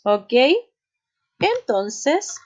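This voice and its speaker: Slow, patient teacher explaining grammar. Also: female voice, a little high, very animated, darkish tone. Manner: explains step by step, often checks with "¿ya?". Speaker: English teacher. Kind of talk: recorded class lesson. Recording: slightly dull, lo-fi sound.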